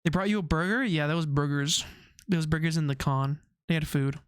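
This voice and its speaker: A man's voice: fairly high pitch, brisk, smooth, no echo, clean studio sound. A young man streaming, chatting casually with his viewers, rambling off on tangents and laughing often.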